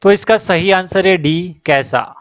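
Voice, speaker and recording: Male exam-prep teacher, fairly high voice, dry dull lo-fi sound, reads options then gives answers. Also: measured pace, a bit bright, no echo. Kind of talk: exam question walkthrough.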